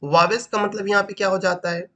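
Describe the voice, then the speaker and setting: A man's voice: sits high, fairly even intonation, fast talker, bright, forceful tone, lo-fi sound. A man teaching an English grammar lesson, asking rhetorical questions and repeating each point as he explains. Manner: asks rhetorical questions, repeats points, says "ठीक" often.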